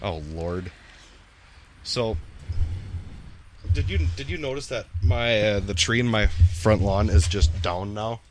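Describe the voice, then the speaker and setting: A man hosts a podcast in easygoing conversation, his voice sitting on the low side. He rambles and restarts sentences as he talks. He is recorded outdoors on a patio. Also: slow pace, long pauses, a little hiss or hum. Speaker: podcast host. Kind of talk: casual chat.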